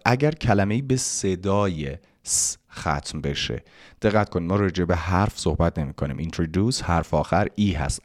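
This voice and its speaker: A man with a very low, deep voice gives an English lesson. He explains pronunciation patiently and drawls each English phrase slowly so learners can copy it. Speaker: English teacher.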